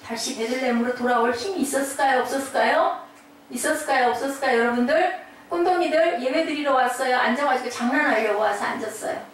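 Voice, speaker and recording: A woman's voice: high voice, quick pace, distant mic. Korean woman pastor preaching in an echoey hall. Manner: asks the congregation many questions, acts out quoted voices. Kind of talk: sermon. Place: small church hall.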